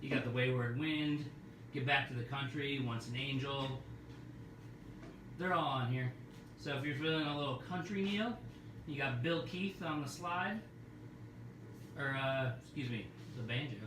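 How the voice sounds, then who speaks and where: A man hosting a live record-store showcase, pitching albums in a loose, joking, sometimes profane patter. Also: a little slow, long pauses. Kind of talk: casual live product showcase. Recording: roomy, distant mic with faint noise.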